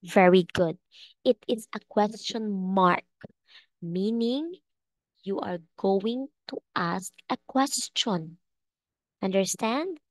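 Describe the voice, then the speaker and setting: A woman's voice: mid-range voice, expressive, slow, no echo. A woman teaching an online English class, speaking patiently and checking often that her students understand.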